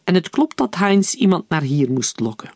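A man reading aloud, voicing a calm, coldly menacing German officer who leads a patrol. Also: high voice, normal speed, no room sound, studio quality, voice pushed up, heavily acted. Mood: cold commanding.

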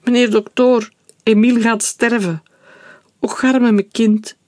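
A woman's voice: medium pitch, moderate pace, no room sound, voice pushed up, close to an everyday voice. A man voicing a frantic, worried mother of a sick boy, wailing with a breaking voice. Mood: lamenting.

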